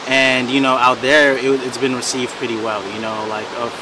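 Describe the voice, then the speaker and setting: Young man, musician guest, laid-back chat, loud outdoor traffic behind. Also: mid-range voice, level tone, normal speed. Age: 20s. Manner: laid-back, many fillers like "you know". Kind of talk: casual interview chat. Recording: distant mic, loud outdoor traffic noise.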